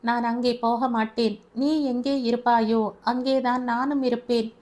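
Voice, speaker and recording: A woman's voice: a little high, little pitch movement, unhurried, darkish tone, lightly acted. A woman voicing a stubborn young granddaughter who pleads and insists in an audio novel.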